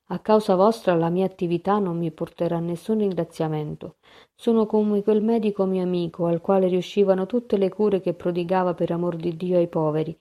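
A fussy male go-between, read by a woman speaks with emphatic exasperation in an audiobook. The voice is lowish and mellow but pushed a little louder and more animated. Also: close to an everyday voice. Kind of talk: audiobook reading.

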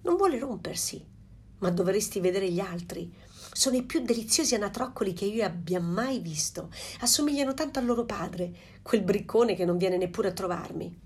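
A woman voicing a proud, fussy mother duck in a storybook reading, with a slightly husky voice. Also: medium pitch, lively intonation, moderate pace, darkish tone.

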